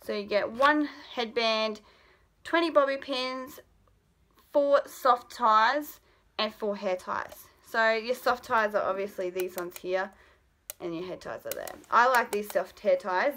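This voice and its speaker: A woman's voice: mid-range voice, a little slow, fairly bright tone, a little hiss or hum. An Australian woman in her late twenties chatting casually about a product haul in her bedroom, rambling with lots of ums. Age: late 20s. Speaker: vlogger. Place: bedroom at home. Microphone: built-in camera mic at arm's length.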